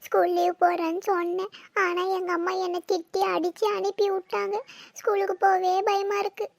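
A woman voicing a scared, tearful schoolboy who whines and pleads slowly in a cartoon. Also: very high voice, completely flat delivery, vocal fry, no echo. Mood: scared whining. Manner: whiny, pleading, slow.

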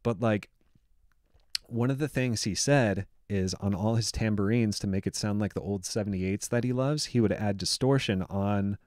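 A man with a somewhat low voice talks through his music production in a loose, excited way, packing his sentences with "like." He sits close to a studio microphone, and the sound is dry, with no room echo. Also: moderate pace. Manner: chatty and enthusiastic, many "like" fillers. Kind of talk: casual production walkthrough.

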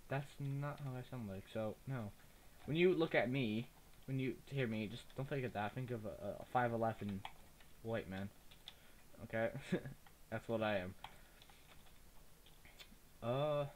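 Speaking at a measured pace with long pauses, this young man rambles casually through a let's play. He has a slight lisp and is chatty and easily distracted, like a typical gaming YouTuber. A cheap desktop mic leaves the audio low quality with faint noise.

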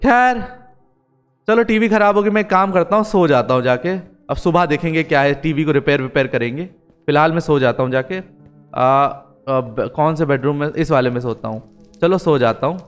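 A man hosting a casual game role-play, talking excitedly with lots of exclamations and fillers. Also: on the high side, moderate pace, clean tone, faint music behind. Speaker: gaming channel host.

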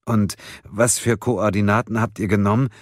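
A man's voice: fairly low pitch, steady tone, moderate pace, no echo, studio quality, voice pushed up, lightly acted. Man playing a tense captive woman detective. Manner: strained, pressed voice. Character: frightened bound young woman detective, tense.

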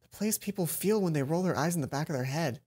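This young man's slightly high voice is expressive, a little mellow, and slightly rough, and he talks fast. As a let's play host he reads a visual novel aloud with feeling and tosses in commentary, with game music in the background.

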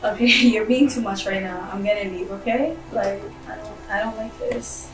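A woman's voice: mid-range voice, fairly even intonation, normal speed, close to an everyday voice. An actress in her twenties playing a polite, guarded young woman in a naturalistic film drama. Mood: guarded, uneasy. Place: small living room indoors. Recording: echoey room, distant mic, music behind.

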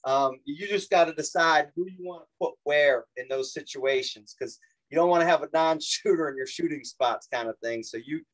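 New York basketball coach talking plays. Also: male voice, on the high side, moderate pace, poor audio. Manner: animated, repeats words, self-deprecating jokes. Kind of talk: coaching clinic explanation.

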